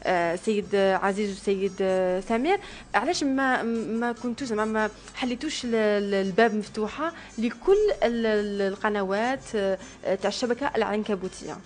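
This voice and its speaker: A woman with an Algerian Arabic accent hosting a radio interview, asking brisk questions and mixing in French words. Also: mid-range voice. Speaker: radio host.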